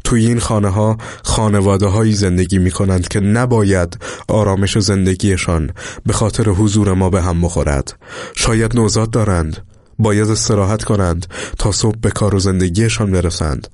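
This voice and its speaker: A man's voice: sits low, fairly even intonation, a little mellow, no echo, clean studio sound, close to an everyday voice. A man voicing an earnest male military commander giving instructions to his troops in a storybook reading.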